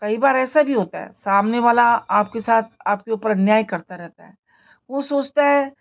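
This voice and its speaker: A woman's voice: fairly high pitch, normal speed, vocal fry, muffled recording. Earnest Hindi-speaking woman giving life advice. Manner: earnest, advising and preachy. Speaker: lifestyle video host. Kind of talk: casual motivational talk.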